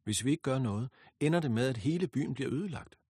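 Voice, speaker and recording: A man's voice: medium pitch, expressive, darkish tone, breathy edge, no echo, studio quality. A man voicing a loyal young warrior companion with an earnest, direct manner. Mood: bold. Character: loyal young male companion, bold then fearful.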